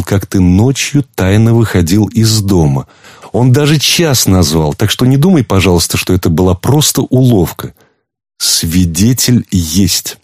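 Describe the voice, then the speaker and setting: Shrewd, reproachful wife, voiced lightly by a male audiobook reader; low register, dry recording. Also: a little mellow, no room sound. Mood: cutting. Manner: firm, cutting, reproachful. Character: stern shrewd wife, woman, coldly in control. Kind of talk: audiobook reading.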